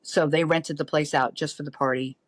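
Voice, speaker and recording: A deep-voiced middle-aged woman talks briskly in a dry recording. Appearing as a podcast guest, she shares a story conversationally and brings it to life by acting out each quoted person's voice.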